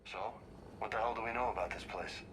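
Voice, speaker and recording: Man acting deep, blunt soldier squadmate. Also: brisk, noisy background, close to an everyday voice. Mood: gruff, observant. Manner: blunt, casual military talk. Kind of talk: video game voice acting.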